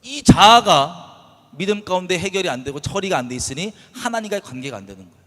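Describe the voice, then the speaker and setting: A man preaching a sermon in a high, very lively voice, swinging from quiet, low asides to loud, fiery bursts. His words ring with the long reverb of a church hall. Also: a little fast. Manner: impassioned, shifting between soft low asides and loud bursts. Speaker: pastor.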